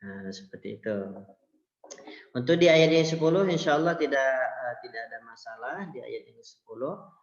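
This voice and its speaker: A man's voice: medium pitch, animated, dull audio. Patient male Quran teacher, roomy sound. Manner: patient, explains slowly, addresses listeners as children. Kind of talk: tajwid lesson with chanted recitation.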